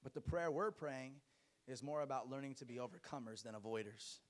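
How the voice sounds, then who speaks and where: A man's voice: mid-range voice, fairly quick. A man preaching a sermon to a congregation, exhorting them emphatically with rhetorical questions and repeated phrases.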